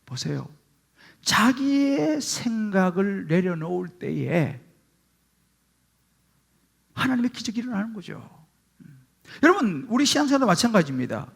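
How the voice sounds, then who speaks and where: A man's voice: sits high, unhurried, vocal fry, long pauses, slightly rough. A middle-aged man, a pastor preaching a sermon and acting out voices as he tells stories. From Gyeongsang region, Korea. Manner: animated storytelling, acting out quoted speech.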